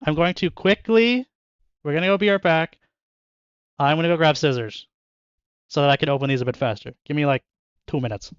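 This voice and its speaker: A man's voice: a little high, a little fast, long pauses, clean tone, no room sound, highs cut off. A young man chatting casually and joking with viewers while opening card packs in his bedroom, laughing often. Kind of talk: casual chat with live chat. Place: bedroom at home.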